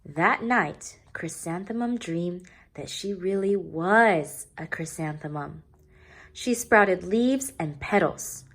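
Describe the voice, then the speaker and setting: Slow, expressive woman reading a storybook. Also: on the low side. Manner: deliberate, expressive. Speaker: teacher reading to young pupils.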